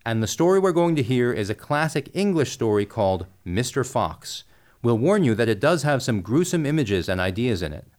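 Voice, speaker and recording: A man's voice: mid-range voice, sing-song, moderate pace, darkish tone. A man co-hosts a podcast and presents the next segment. His delivery is friendly and scripted, with light jokes mixed in. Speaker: podcast co-host.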